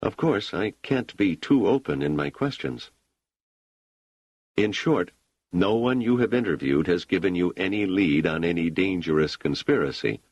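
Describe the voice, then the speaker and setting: A man reading an audiobook, voicing a calm, probing woman who talks in a measured, persistent way. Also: deep voice, no room sound, lo-fi sound. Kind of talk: audiobook character voice.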